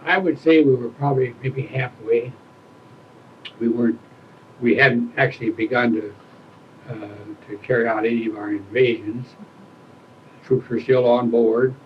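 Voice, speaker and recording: Halting elderly veteran, remembering. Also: male voice, medium pitch, steady tone, muffled recording, slight background noise. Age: older, around 80. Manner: old veteran remembering, halting and searching for words. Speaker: war veteran interviewee. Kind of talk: oral history interview, reminiscing.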